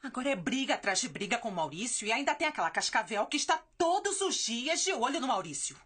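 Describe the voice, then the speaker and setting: An actress playing an older mother in a dubbed telenovela, confiding gossip to her son in an animated way. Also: fairly high pitch, fast talker, slightly rough, heavily acted.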